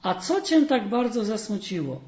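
A man voicing a tiny, cheerful old woman who asks questions gently and warmly, in a fable read from the pulpit. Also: high voice, very animated, moderate pace, roomy sound, dull audio. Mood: gentle, kindly. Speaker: storyteller.

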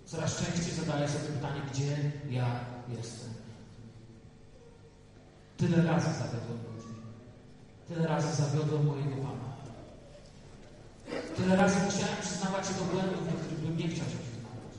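A man's voice: fairly high pitch, normal speed, pauses often, a little mellow, a little hiss or hum. A man preaching a sermon to a congregation, earnest, often putting questions to the listeners. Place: church hall. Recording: echoey hall, distant mic.

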